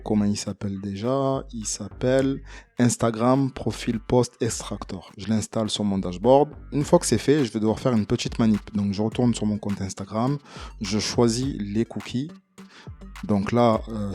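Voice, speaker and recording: Mellow low-voiced man explaining a tutorial. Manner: chatty, relaxed, addresses viewers directly with many fillers; self-deprecating humor. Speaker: tutorial creator. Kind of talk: casual screen-recording tutorial.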